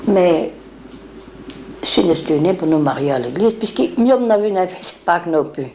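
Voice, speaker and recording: A woman's voice: fairly low pitch, animated, moderate pace, a little mellow, slight background noise. An older woman, reminiscing in a rambling way and acting out what others said. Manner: rambling, acts out quoted speech. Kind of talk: reminiscing oral history.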